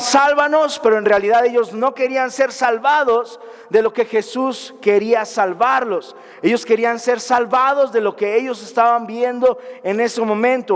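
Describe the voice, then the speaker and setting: A man preaching a sermon as pastor, emphatic and firing repeated questions at his congregation. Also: very high voice. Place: church hall. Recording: reverberant church hall.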